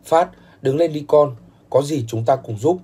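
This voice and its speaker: A man's voice: on the high side, measured pace, warm tone, husky. A man voicing a stern older grandfather who heads a family business, speaking reproachfully in a storybook recap.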